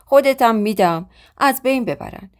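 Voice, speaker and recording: A woman's voice: on the high side, lively intonation, pitched above the performer's own voice, close to an everyday voice. Cruel sneering khan's son, as a woman reads him. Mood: menacing. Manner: threatening, sneering. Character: cruel domineering young village khan's son.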